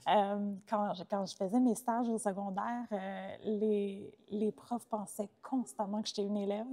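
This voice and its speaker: This Québécois woman from Quebec, Canada, sounds mellow yet hesitant, with a medium pitch, flat delivery and a measured pace. Warm and talkative, she fills her speech with many filler sounds. She's a former teacher turned entrepreneur, appearing as a guest in a relaxed interview conversation.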